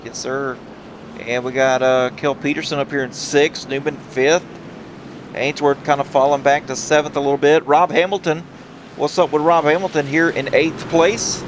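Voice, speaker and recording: Lead caller for an online truck race, a man, higher-pitched, excitable, over engine drone. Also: noisy background. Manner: excitable play-by-play, quick reactions. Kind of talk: sim racing play-by-play commentary.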